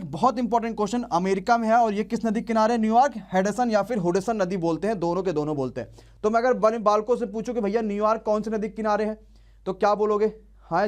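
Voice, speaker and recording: A young man teaching an online exam-prep class, quizzing students and drilling answers call-and-response style. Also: high-pitched.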